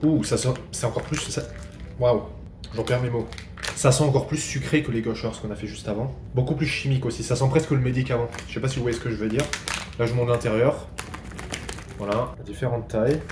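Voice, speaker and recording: Brisk and mid-range in voice, a French vlogger reviewing snacks chats offhandedly as he eats, dropping swear words and voicing his thoughts. Background noise, a roomy echo and faint ambience fill the recording.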